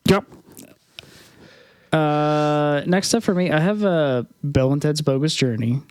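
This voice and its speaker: Smooth-voiced easygoing podcast host. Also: male voice, on the high side, slow pace, a little mellow, no echo, studio quality. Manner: easygoing, laughs through his talk. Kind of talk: casual chat.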